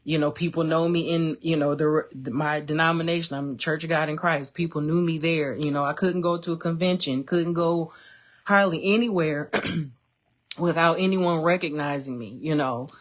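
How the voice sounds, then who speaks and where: A woman's voice: sits low, fairly even intonation, normal speed. Emotional woman sharing her testimony. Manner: emotional, earnest, many fillers. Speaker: host of a live stream. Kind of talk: personal testimony, casual talk.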